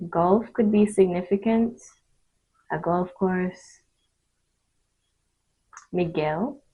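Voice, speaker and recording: A woman giving an improvised mystical tarot reading straight to the viewer, speaking in short, halting phrases with pauses between them. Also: lowish voice, breathy edge, phone-quality sound. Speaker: tarot card reader hosting readings.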